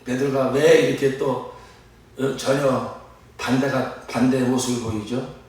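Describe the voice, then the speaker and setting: A male pastor preaching a sermon, animated and acting out quoted speech while asking the listeners questions. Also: medium pitch, unhurried. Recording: very echoey hall, voice from far off.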